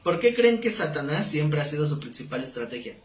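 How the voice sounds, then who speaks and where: A man's voice: a little high, very animated, a little fast. Man teaching a Bible class. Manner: conversational, asks listeners questions. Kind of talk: live-streamed Bible class. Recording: roomy sound with faint background noise.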